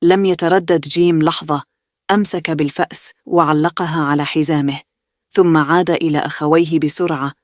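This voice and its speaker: A woman narrating a bedtime story in a steady, soothing way. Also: low-pitched, fairly quick, dry recording, studio quality.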